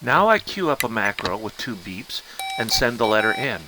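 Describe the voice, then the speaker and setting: In a rough recording, a man with a lowish, sing-song voice at a moderate pace narrates a step-by-step technical tutorial. As an instructor demonstrating a Morse code keyer, he explains things directly to the learner.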